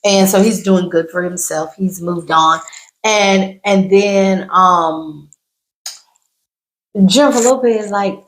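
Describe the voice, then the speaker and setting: A woman hosting a casual talk show, chatty and opinionated, with animated delivery. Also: medium pitch, slow pace, echoey room, rough recording. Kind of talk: casual chat.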